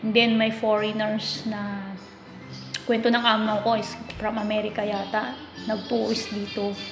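This overseas domestic worker, in her thirties, talks to her phone camera held at arm's length in an indoor kitchen, griping about work in chatty Tagalog laced with English. She speaks at a measured pace, medium pitch, with little pitch movement. Music plays behind her and the kitchen echoes.

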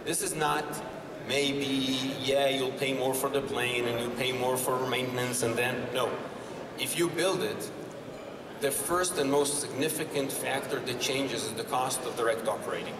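A man's voice: mid-range voice, fairly even intonation, unhurried, a crowd in the background. A man in his thirties giving a conversational conference talk on a stage, with wry asides. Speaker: company founder presenting. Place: exhibition hall stage. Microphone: handheld mic, far camera. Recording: roomy hall from far off, noisy.

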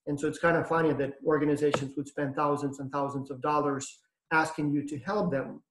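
A Ukrainian-accented man in his thirties gives a university lecture over a webcam, his voice sitting a touch high for a man and staying fairly level in tone. He explains things at an easy pace, filling pauses with ums and uhs. The sound carries the echo of a room with a brick wall. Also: fairly even intonation, noisy background. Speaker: professor. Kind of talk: lecture to students over video call. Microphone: webcam on video call.

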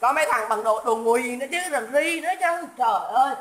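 Host: woman, high bright voice, scornful scolding rant, echoey room. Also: fast. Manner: mocking, scolding, insulting, repeats herself. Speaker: livestream host. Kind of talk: political rant livestream.

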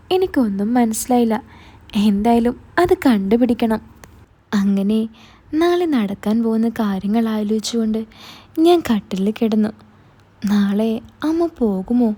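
A woman narrating a first-person story in an earnest, steady way. Her voice sits fairly high and sounds breathy, with a dark, mellow warmth.

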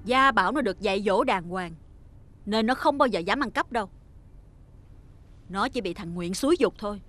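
A woman's voice: expressive, normal speed, fairly bright tone, faint music behind, natural voice. An actress with a Southern Vietnamese accent playing a wealthy mother who dotes on her son but scolds his friend sharply. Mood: indignant. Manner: shrill and scolding. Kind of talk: TV drama acting.

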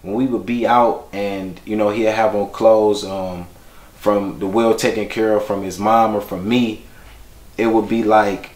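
A young man tells stories about his son in an unhurried, halting way, pausing often with fillers. His voice sits on the low side. The room around him adds a noticeable echo. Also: flat delivery, a little mellow. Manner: reflective and halting, with many fillers. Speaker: father. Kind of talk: documentary interview, personal storytelling.

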